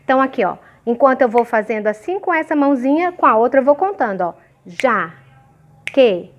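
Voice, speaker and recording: A woman's voice: high voice, animated, a little hiss or hum. A woman teaching a grammar lesson to young children, sounding out example words syllable by syllable and often checking "ok?" and "certo?". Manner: slow, clearly syllabified examples with frequent checking questions. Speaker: primary school teacher.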